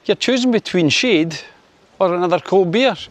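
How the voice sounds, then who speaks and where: The recording is dry and the speaker is a chatty Scottish man in his sixties, vlogging casual opinions to camera. He talks at normal speed with lively intonation, stays wry and filler-laden, and pitches up at the mention of sunny Spain.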